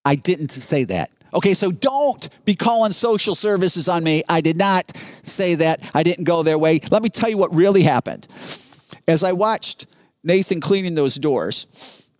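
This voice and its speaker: Brief: male pastor, high voice, emphatic repetitive preaching, dry close sound. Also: expressive, measured pace, no room sound. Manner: emphatic, repeats phrases, storytelling. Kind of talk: sermon.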